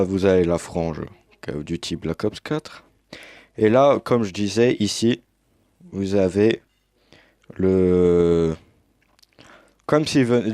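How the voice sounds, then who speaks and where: A man's voice: fairly low pitch, dark tone, no room sound, clean studio sound. A young man casually commenting as he unboxes a game edition, hesitant with many fillers, recorded on a headset mic. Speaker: unboxing youtuber.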